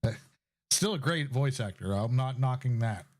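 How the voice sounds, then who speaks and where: A man's voice: medium pitch, animated, moderate pace, noisy background. Rambling man commenting on gameplay. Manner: rambling, laughing, filler-heavy. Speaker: gaming streamer. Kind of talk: casual let's-play commentary.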